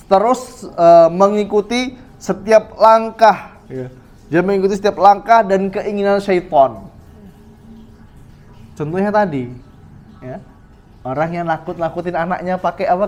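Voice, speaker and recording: A man's voice: sits high, a little mellow. A male Islamic preacher giving a study sermon, asking rhetorical questions and checking in with "ya" as he addresses the brothers. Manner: rhetorical questions, frequent "ya" to the audience.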